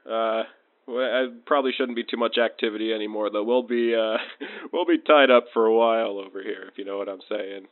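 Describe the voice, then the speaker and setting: A man's voice: lowish voice, brisk. Guy doing a laid-back fire captain calling in over police radio, tinny phone-like sound, says over. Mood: sheepish. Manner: laid-back, hesitant, radio sign-offs. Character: male fire captain, slacking off drinking beers. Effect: police-style two-way radio.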